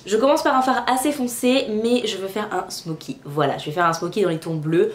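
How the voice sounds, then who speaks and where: A young woman talks through her makeup routine in a relaxed, chatty way, step by step. Her voice sits at a middle pitch and carries a noticeable echo from the room around her. She often stops for little fillers as she goes. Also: a little hiss or hum. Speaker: beauty vlogger. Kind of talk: casual makeup tutorial narration. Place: room at home.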